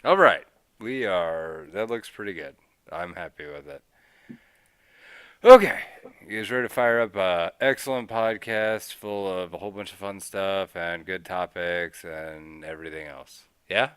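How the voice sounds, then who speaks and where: A man's voice: low-pitched, animated, measured pace, fairly bright tone, clean tone, no room sound, studio quality. A man hosting a casual gaming podcast, teasing his co-hosts in joking banter. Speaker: podcast host.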